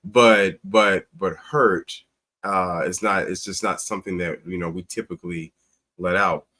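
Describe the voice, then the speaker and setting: A teacher appearing as a talk show guest tells personal stories conversationally, acting out quoted dialogue with emphasis. His low voice is pushed and bright, with fairly even intonation and a slightly slow pace.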